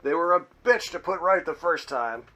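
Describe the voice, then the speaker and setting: A man voicing a blunt, bossy male farmer neighbor who swears, raising his voice higher and louder than his narration. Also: lively intonation, normal speed, faint music behind. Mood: grumbling.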